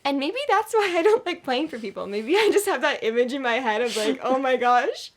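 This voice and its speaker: A woman's voice: high-pitched, very animated, fairly quick. A young woman, a musician guest on a podcast, talking casually and hesitantly with lots of fillers and laughs. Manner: hesitant, many likes, giggly. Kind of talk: casual chat.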